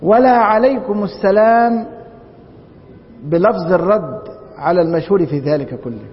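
A man's voice: lively intonation, a little fast. A man with an Egyptian Arabic accent teaching Islamic law in a classroom lecture. He keeps posing rhetorical questions and answering them himself. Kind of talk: classroom lecture on a religious text. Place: large mosque lecture hall. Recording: dull, reverberant hall with faint rumble.

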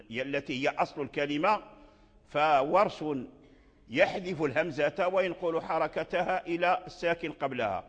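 A man's voice: fairly high pitch, fairly bright tone, husky. A man teaching as a sheikh, explaining a recitation poem and repeating words aloud to show how they are pronounced. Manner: deliberate explaining, with restarts. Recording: echoey hall, dull lo-fi sound.

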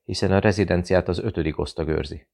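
A man's voice: low voice, fairly even intonation, creaky, darkish tone. A man voicing a shrewd, polite male veteran in an audiobook, asking probing questions.

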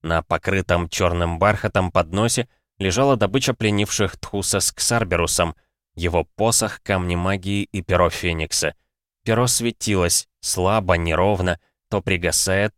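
Male audiobook narrator, measured and even; low, dry voice. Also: no room sound. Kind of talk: scripted fantasy narration.

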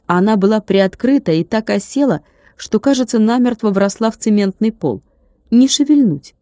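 Brief: woman narrator, expressive storytelling, lively pitch, dry close sound. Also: no room sound. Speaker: audiobook narrator. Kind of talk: scripted audiobook narration.

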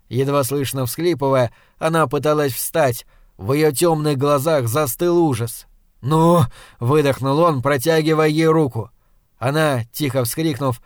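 A man narrating an audiobook in a measured, dramatic storytelling manner. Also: a little high, no room sound, clean studio sound. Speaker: audiobook reader. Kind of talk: scripted narration.

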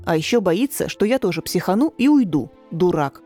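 A woman voicing a gentle, wry young male servant telling a story. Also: fairly low pitch, expressive, brisk, soft background music. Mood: wistful. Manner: wry, easygoing.

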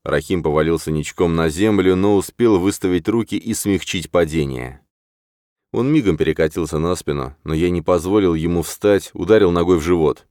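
A man with a deep, low voice narrates a first-person story as an audiobook. His reading is steady and measured. The sound is dry and close, with no room around it. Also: no room sound.

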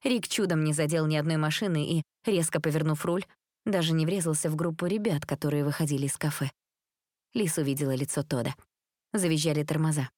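A woman narrating a story aloud in a steady storytelling manner. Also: low-pitched, brisk, no room sound, clean studio sound. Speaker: reader.

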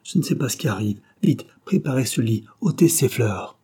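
A man's voice: mid-range voice, moderate pace, mellow, breathy edge. A man voicing Armand, a stern commanding young man. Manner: firm, accusing.

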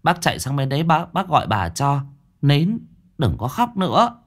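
A man voicing a middle-aged village woman, who asks quick, scolding questions. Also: a little high, sing-song, pitched above the performer's own voice. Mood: brisk.

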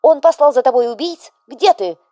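A woman's voice: fairly high pitch, expressive, moderate pace, dark tone, no room sound, clean studio sound, pitched above the performer's own voice, close to an everyday voice. A woman voicing an overbearing, melodramatic widowed mother who scolds and presses her grown son, in an audiobook. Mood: anxious.

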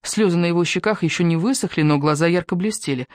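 A woman narrating an audiobook in an even, measured storytelling manner. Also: lowish voice, dry recording, studio quality. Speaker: audiobook reader. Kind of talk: scripted narration.

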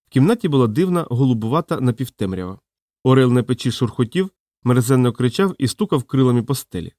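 A man reading an audiobook aloud in a wry, lively storytelling manner, close to the mic. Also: medium pitch, quick pace, dry recording. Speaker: audiobook narrator.

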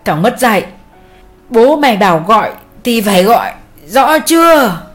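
A woman's voice: mid-range voice, soft background music. A woman voicing a drunk, angry middle-aged father who slurs and stumbles over his words. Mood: drunk raging. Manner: slurred, halting, shouting.

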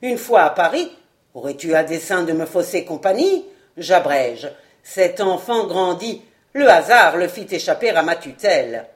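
A woman's voice: lowish voice, big pitch swings, unhurried. A woman voicing a cruel, ironic male ex-acrobat who mocks his dying foe, in a storybook reading. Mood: mocking. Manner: ironic, sneering.

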